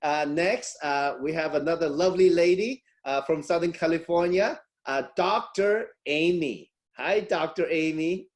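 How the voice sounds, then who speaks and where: A man's voice: on the high side, a little slow, hardly any pauses. A middle-aged man from Hong Kong hosting an online webinar over a video call, chatty and full of fillers and restarts. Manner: chatty, many fillers and restarts, frequent laughs. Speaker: webinar host.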